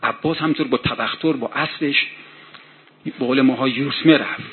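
A man preaching a sermon, telling a story dramatically, his voice rising in heated passages. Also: medium pitch. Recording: tinny phone-like sound with faint hiss.

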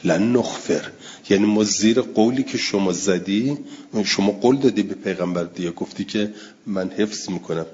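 A man teaching a class, reading out classical passages and then explaining them phrase by phrase, and answering listeners' questions with quick yeses and noes. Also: on the low side, darkish tone, highs cut off. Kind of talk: classroom text-study lesson.

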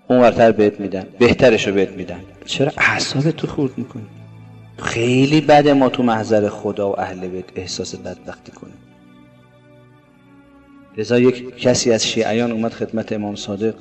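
A man preaching a sermon. He swings between loud, emphatic rises and soft, low asides, and draws out quoted Arabic phrases slowly. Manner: drawn-out Arabic quotations.

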